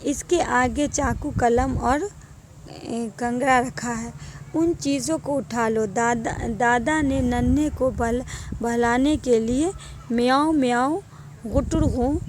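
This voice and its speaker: A woman's voice: a little high, background noise. A young woman teaching an exam-prep grammar lesson, who keeps saying "ٹھیک ہے" and quizzes her listeners.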